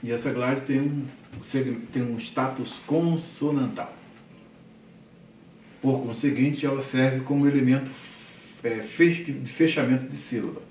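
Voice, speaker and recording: Um professor brasileiro explica devagar, repetindo cada termo e checando com os alunos. Sua voz de tom médio vem de longe, gravada numa sala de aula que ecoa bastante. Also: male voice, medium pitch, fairly even intonation, darkish tone, a little hiss or hum. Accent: Brazilian Portuguese. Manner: patient, repeats terms slowly, asks "tá?" often. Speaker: teacher. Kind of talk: classroom lecture. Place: classroom. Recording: echoey classroom from a distance.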